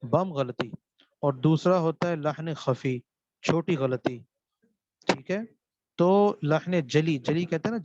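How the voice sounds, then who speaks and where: A man from Pakistan lectures on Quran recitation to a seminary class, putting questions to students, supplying the answers himself, and repeating key terms. His fairly high voice has a darkish tone, and the recording is dull, dry and lo-fi.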